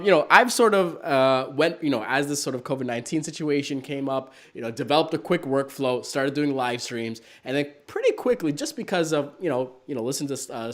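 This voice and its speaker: Man, interview host, rambling questions, fairly high pitch, eager tone. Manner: chatty, many fillers, eager. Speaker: show host. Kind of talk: casual interview chat.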